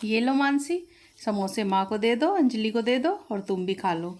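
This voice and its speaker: A woman plays an easygoing young husband in a storybook tale, indulgent and relaxed. The voice still sits fairly high. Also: normal speed, lightly acted.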